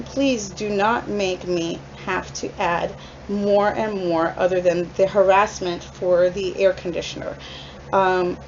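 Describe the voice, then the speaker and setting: A woman, a tenant and mother in her apartment, leaving a formal, measured voicemail of complaint for her landlord's office. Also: medium pitch. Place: apartment, indoors. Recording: slightly muffled, faint background noise.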